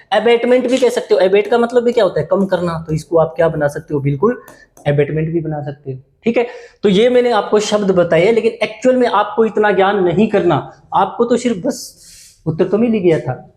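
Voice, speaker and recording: High-voiced man teaching English vocabulary. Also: darkish tone, roomy sound. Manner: explains in Hindi mixed with English terms, repeats words and asks "ठीक है ना". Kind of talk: exam-prep vocabulary lesson.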